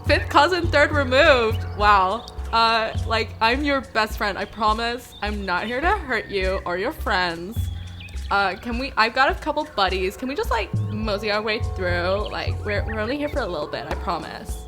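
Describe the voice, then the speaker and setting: A woman's voice: a little high, lively intonation, normal speed, over music, natural voice. A woman playing an eager, gushing adventurer in a tabletop game, talking casually with lots of filler words. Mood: excited, pleading. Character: gushing, eager young woman befriending snakes as kin.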